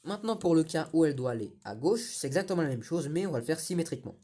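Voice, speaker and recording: A man's voice: a little high, lively intonation, racing, mellow. A young man giving a patient step-by-step tutorial, often correcting himself. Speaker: cubing tutorial host.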